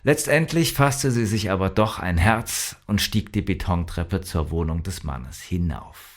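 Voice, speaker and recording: A man reading a crime audiobook aloud in measured, even scripted narration. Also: deep voice.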